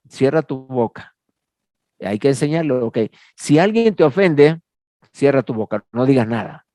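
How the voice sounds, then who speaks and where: A man's voice: medium pitch, darkish tone, dry recording. A man teaching a Bible counseling class, earnest, repeating key phrases and quoting scripture. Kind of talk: class lecture.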